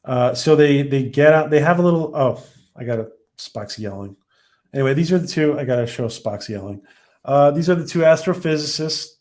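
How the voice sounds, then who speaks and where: A man hosting a casual live stream reviews a TV episode and reads viewer comments, rambling with lots of fillers and restarts as his voice begins to give out. His voice is slightly high and a little mellow, and he speaks at a moderate pace in an animated way.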